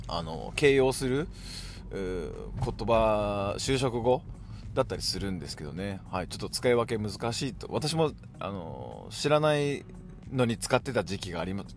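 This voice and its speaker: A man with a Hokkaido accent talks through a casual solo podcast episode in a lowish voice. His pitch moves all over the place as he chats, and he fills the gaps with short affirmations. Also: very animated, normal speed. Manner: chatty, dotted with "hai" affirmations. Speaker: podcast host.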